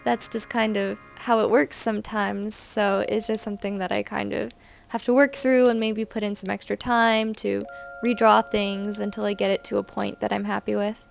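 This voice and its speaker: An art vlogger, a young woman, rambles casually in a voice-over about her drawing, dropping fillers and light laughs. Her mid-range voice is flat, with vocal fry and a moderate pace. Soft music plays underneath.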